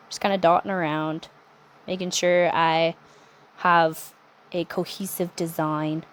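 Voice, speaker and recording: A young adult woman talking through a nail art tutorial in a chatty, relaxed way, with self-correcting asides. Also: lowish voice. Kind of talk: casual step-by-step tutorial narration.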